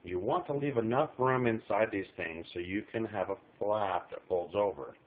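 In a small kitchen, a middle-aged man with a fairly low voice and moderate pace explains a recipe casually, filming one-handed from overhead on a handheld camera. His folksy, chatty instructions are aimed straight at viewers, and the audio sounds tinny, like a phone.

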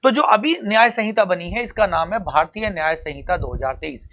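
A man's voice: high-pitched, animated, a little fast, muffled recording, background noise. A man teaching law to exam students, talking to them directly and calling them "beta" and "champion". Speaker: coaching teacher. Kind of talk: explaining law for exam prep.

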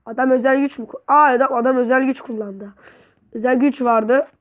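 A young woman giving excited, trash-talking commentary over her own gameplay. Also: sits high, brisk. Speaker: gaming YouTuber.

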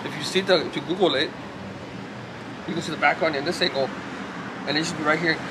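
A man's voice: fairly high pitch, steady tone, quick pace. A young man vlogging to camera and talking loosely, with lots of swearing and fillers. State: shaking from cold. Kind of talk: casual vlog. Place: outdoors on a city street, later a hotel room. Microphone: handheld camera filmed by a friend. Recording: noisy street and room ambience.

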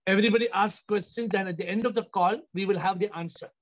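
Over dull, compressed video call audio, a high-voiced man talks fast with a fairly even intonation. He is in his fifties, has an Indian accent, and hosts a spiritual question-and-answer session as its teacher, leaning on repeated, emphatic rhetorical questions.

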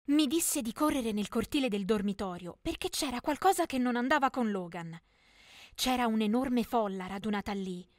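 A woman's voice: on the high side, animated, moderate pace, dry recording, clean studio sound. A young woman telling a dramatic first-person teen story in scripted narration.

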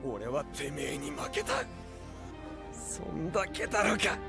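Gravelly, hot-headed anime teenage boy. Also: on the high side, sing-song, brisk. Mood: wounded, bitter. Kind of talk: Japanese anime acting. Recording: music behind the voice.

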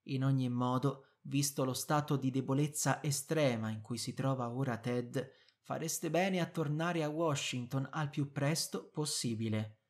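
An earnest, apologetic friend, read by a man in an audiobook. The voice stays close to plain narration, sober and measured. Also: mid-range voice, natural voice. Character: sympathetic male friend writing a letter. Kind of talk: audiobook character reading.

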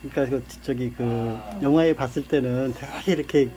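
A man's voice: mid-range voice, steady tone, crowd noise. A man hosting a casual food vlog chat with a guest, talking politely and laughing easily, his voice muffled through a face mask. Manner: chatty, quick to laugh, polite questions. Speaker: vlogger host. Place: small restaurant indoors. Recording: noisy restaurant background.

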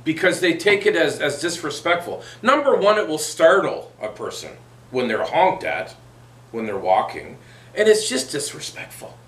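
Brief: man as a fussy, motherly lady show host, lively swooping delivery, echoey room. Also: a little high, moderate pace. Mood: lecturing. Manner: fussy, motherly, sighing "oh dear". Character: prim, religious woman advice-show host. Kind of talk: comedy sketch.

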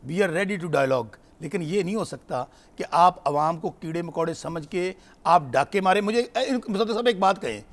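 A man's voice: high voice, normal speed, few pauses. A man, a political panelist arguing combatively and talking over others. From Pakistan. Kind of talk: heated political debate.

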